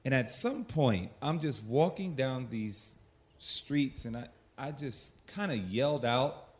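A man's voice: medium pitch, slow pace. New guy telling ministry stories, voice jumps all over, acts out his old lines. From New York, USA. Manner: animated storyteller, acts out his own past words. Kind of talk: testimony in a ministry talk.

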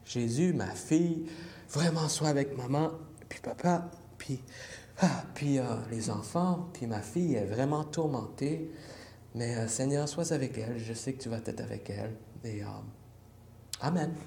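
A man's voice: medium pitch, a little slow, mellow, a little hiss or hum, close to an everyday voice. A man playing a drowsy man who mumbles a bedtime prayer in a yawning half-whisper. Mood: mumbling.

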